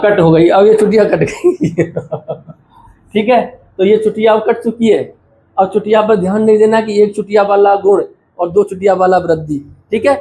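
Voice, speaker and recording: A fairly high-pitched man teaches a grammar lesson at the board. He puts questions to his students, answers them himself and repeats the key points. Faint noise hangs under the recording. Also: a little mellow, low-quality recording. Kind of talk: classroom lecture at a board.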